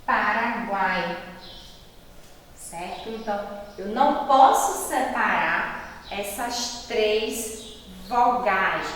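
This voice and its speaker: A Brazilian woman teaching a remote lesson to young children. She explains slowly and patiently and keeps checking that they follow. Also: medium pitch, expressive, a bit bright, very echoey, in a large hall, recorded from a distance, slight background noise, rough recording. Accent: Brazilian Portuguese. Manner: slow, patient, drawn-out explanations with frequent checks. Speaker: primary school teacher.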